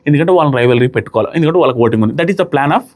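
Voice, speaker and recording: A man giving casual, animated commentary on a reality show and acting out the contestants' quoted lines. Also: mid-range voice, racing.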